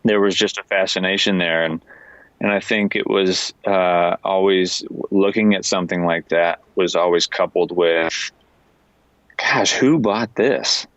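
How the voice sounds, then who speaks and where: An American man, a leatherworker, talking in a relaxed, thoughtful way with frequent restarts on a podcast. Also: deep voice, measured pace, no room sound, dull audio. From United States. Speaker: leatherworker, guest. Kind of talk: casual conversation.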